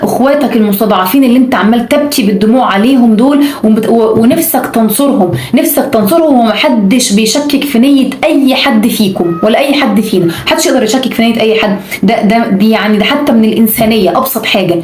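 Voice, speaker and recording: A woman's voice: on the high side, quick pace, darkish tone, echoey room. A woman with an Egyptian Arabic accent gives a religious exhortation, urging her listeners emphatically and repeating her points. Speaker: religious speaker.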